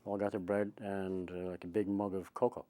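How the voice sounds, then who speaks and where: An older Irish man with a fairly low voice, recalling his past in conversation. He talks in a chatty, rambling way, like someone telling stories in an interview. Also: flat delivery, brisk, mellow. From Ireland. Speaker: oral history interviewee. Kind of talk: conversational reminiscence.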